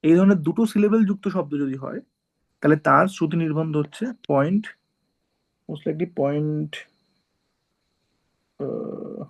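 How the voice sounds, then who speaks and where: Gravelly, slightly high male teacher. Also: normal speed, pauses often, poor audio. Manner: explains step by step, often checks with "ঠিক আছে?". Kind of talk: informal classroom lecture.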